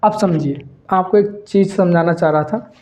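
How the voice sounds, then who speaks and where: On his own channel, a man with a high-pitched, darkish voice explains business ideas to camera at a moderate pace. It's a casual lecture, repetitive and emphatic, and he keeps addressing viewers as brother.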